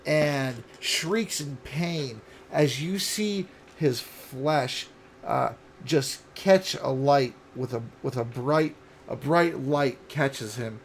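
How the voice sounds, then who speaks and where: A man in his late thirties narrating as dungeon master, halting with fillers and restarts. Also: medium pitch, vocal fry, slight background noise. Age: late 30s. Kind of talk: narrating a tabletop game.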